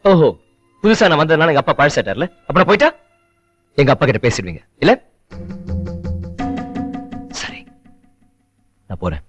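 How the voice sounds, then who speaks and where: A man's voice: a little high, very animated, moderate pace, pauses often. An actor playing an earnest young grandson who coaxes and pleads with his grandfather. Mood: coaxing. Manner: coaxing, emotional. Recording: film audio with music.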